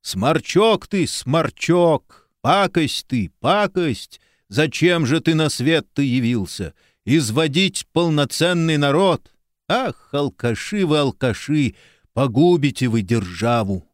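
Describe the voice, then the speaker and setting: A man voicing a furious older police chief in an audiobook, scolding slowly and angrily. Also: mid-range voice, expressive, a little mellow, no echo, studio quality. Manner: slow, angry, scolding.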